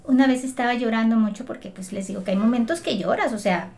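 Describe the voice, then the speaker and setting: A woman from Mexico with a fairly high voice tells her story of faith in an earnest, emotional way. She circles back and restarts her phrases as she gathers her thoughts, speaking as a guest in conversation. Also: fast, gravelly, a little mellow. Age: adult mother. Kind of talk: heartfelt testimony in conversation.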